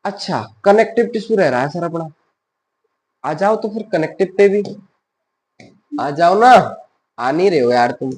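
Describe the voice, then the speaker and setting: Male teacher with a high voice, giving a biology lesson, quizzing the class and answering himself softly. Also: animated, moderate pace, long pauses. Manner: asks questions and answers them himself in a softer voice; mixes in English science terms.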